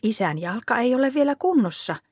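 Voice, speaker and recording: A woman voicing a patient mother who speaks softly and soothingly to her young son in a storybook reading. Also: a little high, very animated, husky, no room sound, studio quality, voice pushed up. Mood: gentle.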